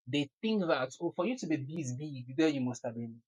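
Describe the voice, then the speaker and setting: A man hosting an interview, asking measured, reflective questions. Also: mid-range voice, animated, a little mellow, husky, dry recording, rough recording. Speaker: podcast host.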